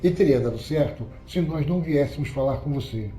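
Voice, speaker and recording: Brief: earnest loyal friend read by a male narrator, warm low tone, roomy echo. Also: a little fast, faint music behind, close to an everyday voice. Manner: earnest, soothing. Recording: roomy echoey recording.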